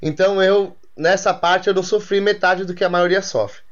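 A man with a Brazilian accent and a notably high voice hosts a casual podcast chat. He talks loosely, slangy and rambling. The sound is dull and lo-fi. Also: normal speed. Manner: relaxed, slangy, loose run-on talk. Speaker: podcast host.

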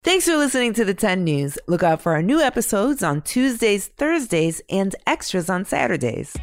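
A woman hosting a children's news podcast, explaining things in a bright, storytelling way. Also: medium pitch, very animated, normal speed, soft background music. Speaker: kids' news podcast host. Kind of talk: scripted narration for children.

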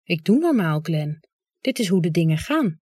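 An audiobook reader voicing a clingy, fussy middle-aged mother who speaks softly with pointed remarks. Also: medium pitch, big pitch swings, normal speed, breathy edge, dry recording, studio quality. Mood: wistful.

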